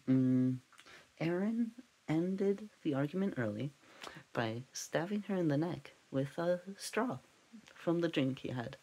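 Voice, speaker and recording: A man with a husky, slightly rough voice hosts a parody true-crime podcast at a home desk mic. He rambles in a deadpan way, loses his thread and wanders off on tangents. His pitch sits in the middle range. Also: poor audio. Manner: rambling, scatterbrained, goes off on tangents. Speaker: comedic podcast host.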